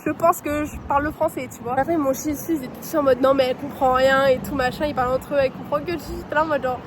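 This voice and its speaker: A woman's voice: sits high, fairly even intonation, rapid-fire, noisy background. A woman in her twenties, a student, chatting bluntly and casually in a vlog with lots of slang. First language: French. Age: 20s. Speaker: student vlogger.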